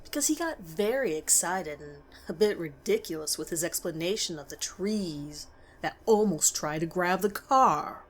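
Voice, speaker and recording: A woman with a voice on the low side reads a scripted, first-person horror story, using a measured storytelling pace and expressive emphasis.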